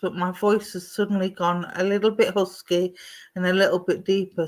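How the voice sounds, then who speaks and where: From a home streaming setup, a psychic medium with a medium-pitched voice gives a live reading. She speaks gently and reassuringly, calling people darling and sweetheart, and rambles with ums and restarts.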